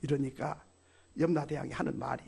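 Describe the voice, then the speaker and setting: A man preaching a sermon as a pastor, swinging dramatically between soft murmurs and loud emphasis. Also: mid-range voice, steady tone, a little fast, gravelly, husky.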